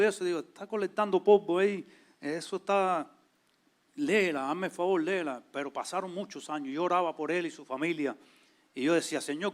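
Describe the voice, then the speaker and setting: A man, telling his testimony in a lively way and acting out the voices of people in his story. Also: sits high. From Cuba. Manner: animated, acts out quoted voices. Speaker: church servant leader, guest.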